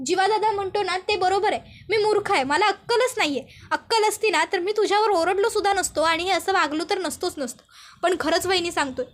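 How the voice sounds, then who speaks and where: A woman's voice: very high voice, a little fast. Woman reading an anxious pleading young man. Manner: pleading, apologetic. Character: remorseful anxious young man, college student.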